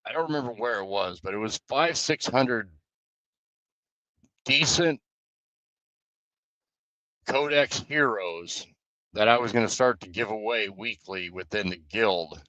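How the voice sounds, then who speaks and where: Bright-voiced man on a casual live stream. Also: on the low side, a little slow, pauses often, no echo, rough recording. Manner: loose, rambling, with fillers and restarts. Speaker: streamer and guild leader.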